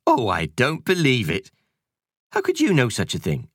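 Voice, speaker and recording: A bustling, rosy middle-aged charwoman, as a man puts her on, brisk and fussy and quick to bristle. Her voice is pitched high and swings lively. Dry, close storybook audio. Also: dry recording. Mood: indignant. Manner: brisk, fussing, easily affronted. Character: rosy, bustling middle-aged cleaning woman, good-humoured.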